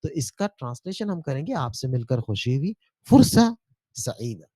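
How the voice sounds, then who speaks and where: A male teacher giving a spoken language lesson, explaining patiently, repeating words slowly and often asking checking questions. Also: medium pitch, sing-song, mellow, dry recording. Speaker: Arabic teacher.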